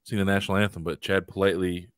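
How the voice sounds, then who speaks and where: A man hosting a podcast in casual chat, relaxed and steering the talk, with loose filler phrases. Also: low-pitched, racing, clear, resonant tone. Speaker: podcast host.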